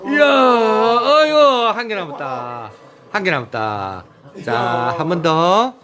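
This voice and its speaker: A man's voice: fairly high pitch, sing-song, slow, a crowd in the background. A man instructing and cheering people on during a video game, with short repeated calls and a lot of laughter. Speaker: activity instructor.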